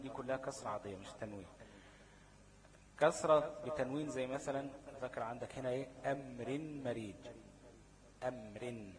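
A man's voice: mid-range voice, rough recording. A man with an Egyptian accent teaching a recitation class, constantly quizzing students with "what?" and "okay?" checks. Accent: Egyptian Arabic. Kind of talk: classroom lesson. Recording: class chatter behind the voice.

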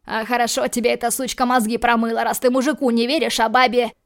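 A woman acting out a spiteful young addict in an audiobook, raising a shrill, strained voice as he yells and begs. The pitch stays narrow and flat, with a gravelly fry running under it. He sounds cornered and whiny. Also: fast, lightly acted. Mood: pleading. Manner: shrill, pleading outbursts. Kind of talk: audiobook character voicing.

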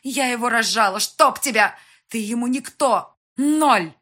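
Woman as a furious young mother shouting. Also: on the high side, measured pace, voice pushed up. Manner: shouting, bitter, mocking.

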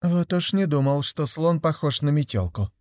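A man voicing a stubborn blind beggar in a fable, shouting insistently. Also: fairly high pitch, animated, normal speed, voice pushed up, close to an everyday voice. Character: excited blind old beggar, stubborn, shrill.

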